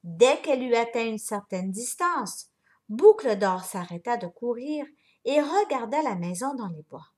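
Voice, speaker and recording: Woman, storybook reader, lively pitch, slow, expressive. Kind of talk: reading a children's story aloud.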